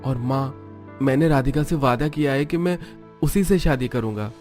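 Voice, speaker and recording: A man's voice: medium pitch, normal speed, darkish tone, soft background music, voice pushed up, close to an everyday voice. A man voicing an earnest young man who reassures and pleads, in a cartoon story. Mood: pleading. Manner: eager and pleading, raised voice.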